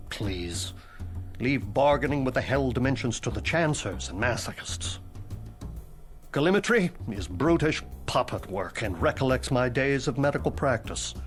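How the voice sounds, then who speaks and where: For a video game cutscene with background music, a man voices a dead headmaster's ghost in a mid-range voice close to his everyday one. The character is formal, wry, and morbidly deadpan, with occasional drops into a whisper.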